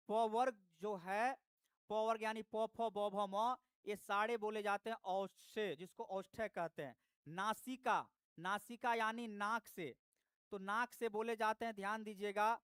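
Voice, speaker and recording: Patient teacher, live online class, slow unhurried delivery, smooth clear voice. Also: mid-range voice, no echo. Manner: patient, repeats points, addresses students warmly.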